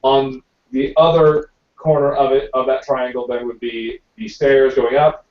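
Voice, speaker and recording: A man's voice: medium pitch, little pitch movement, unhurried. A man narrating a tabletop game as dungeon master, thinking aloud with many fillers. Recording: roomy, distant, dull amateur recording.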